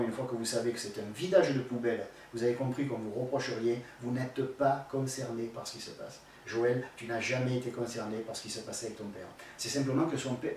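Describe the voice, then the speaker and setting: Speaking directly to the viewer who asked, a male spiritual teacher offers blunt, colloquial advice laced with crude slang and many fillers. His voice is medium in pitch and a little mellow. The recording has a very echoey room, distant mic placement, and faint background noise.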